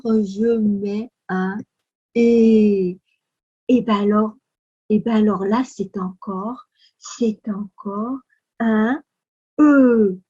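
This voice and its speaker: Slow, husky French woman teaching children. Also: on the high side, warm tone, muffled recording. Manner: slow, exaggerated storytelling for kids, full of exclamations. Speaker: children's Sunday school teacher. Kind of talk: animated lesson for young children.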